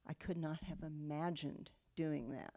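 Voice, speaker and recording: A woman in her seventies speaks in a slightly low voice. She recalls her family's past in a reflective, unhurried way, often pausing on "um" and checking in with "okay?". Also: fairly even intonation, warm tone. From United States. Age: 70s. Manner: reflective storytelling with frequent um and okay. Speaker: interviewee. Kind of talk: oral history interview.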